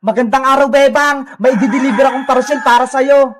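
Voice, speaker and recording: A woman's voice: high voice, fairly even intonation, brisk, slight background noise, lightly acted. A woman voicing a kind adult delivery rider who talks in a friendly, reassuring way.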